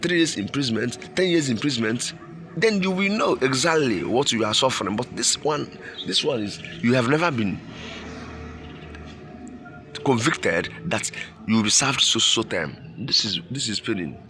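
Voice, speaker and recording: A man's voice: mid-range voice, very animated, measured pace, bright, forceful tone, a little hiss or hum. A man with a Nigerian accent giving impassioned political commentary, emphatic, repeating phrases and posing rhetorical questions.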